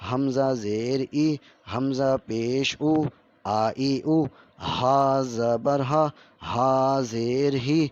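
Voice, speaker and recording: A man teaches a step-by-step Quran reading lesson in a mid-pitched voice. He repeats each rule patiently and stretches the syllables slowly when he recites the drills. The audio sounds a little dull and lo-fi. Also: darkish tone. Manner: repeats rules over and over for learners.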